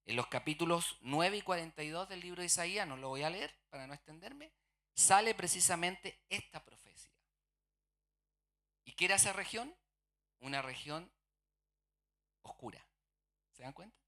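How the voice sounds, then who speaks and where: A preacher delivers a church sermon in a bright, forceful voice. The pitch sits in a middle range. The preacher keeps posing questions to the congregation and then answering them. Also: lively intonation, moderate pace, pauses often.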